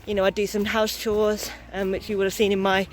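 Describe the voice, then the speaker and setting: A woman's voice: medium pitch, little pitch movement, brisk, faint music behind. A young adult woman chatting candidly and in a rambling way for a casual vlog while out walking outdoors. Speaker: vlogger, new mother. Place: outdoors on a walk.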